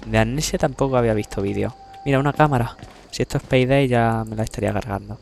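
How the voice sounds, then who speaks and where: A man's voice: mid-range voice, fast talker, gravelly, slight background noise. A young man from Spain giving casual let's-play commentary, chatty and self-mocking, swearing casually as he goes. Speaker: gameplay commentator. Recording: game music playing loudly behind.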